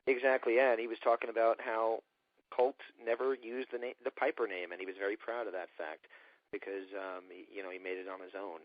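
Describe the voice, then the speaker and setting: A man's voice: on the low side, little pitch movement, a little fast, dry recording. A man in his thirties hosting an interview, chatty and casual. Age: 30s. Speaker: podcast host. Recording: dry, dull lo-fi line.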